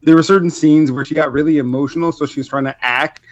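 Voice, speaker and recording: A man at a mid pitch who talks loosely and circles back, stacking "um" and "like" as he goes. His voice sounds close and dry, with a slightly dull, lo-fi edge. It is a relaxed podcast conversation between friends. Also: fast, dry recording. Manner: rambling, filler-heavy, laughs often. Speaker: podcast co-host. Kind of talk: casual movie review chat.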